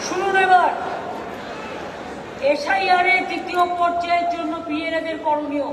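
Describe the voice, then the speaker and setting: A woman, a political leader, gives a stern, scolding speech to party workers over loudspeakers. Her voice rings with a booming, cathedral-like echo. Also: steady tone, normal speed, a crowd in the background. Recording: echoey hall from far off, faint noise.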